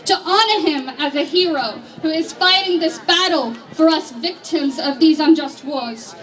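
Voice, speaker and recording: High-voiced woman at rally. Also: a little slow, fairly bright tone. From Iraq. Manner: earnest, emphatic, with slight nervous restarts. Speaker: rally speaker and organizer. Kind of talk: outdoor rally speech, partly read from notes. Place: outdoor protest rally. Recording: distant mic with crowd behind.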